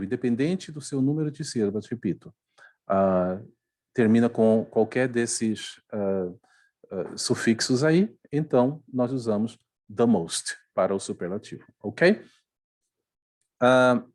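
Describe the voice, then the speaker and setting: A man with a Brazilian accent teaching English grammar in Portuguese, saying English examples slowly and often checking with "ok?". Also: mid-range voice, a little mellow. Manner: patient, repeats checks like "ok?" and "tá?", reads examples slowly.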